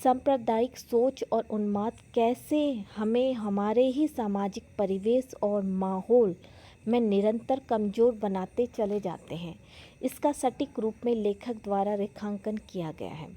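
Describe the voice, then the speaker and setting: A woman teaching a Hindi literature lesson, retelling and explaining a short story in a slow, explanatory way with occasional fillers and restarts. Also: mid-range voice, dark tone.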